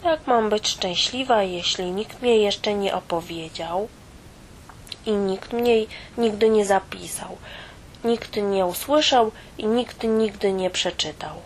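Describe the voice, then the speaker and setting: A woman's voice: mid-range voice, takes it slowly, slight background noise. A woman voicing a lonely, sad personified fairy tale in a storybook tale, sighing and plaintive. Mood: sorrowful.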